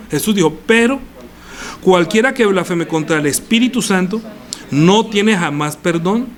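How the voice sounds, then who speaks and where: Emphatic preaching man, fairly high voice. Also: a little hiss or hum. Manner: emphatic preaching, rhetorical questions, repeats for stress. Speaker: pastor. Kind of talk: sermon.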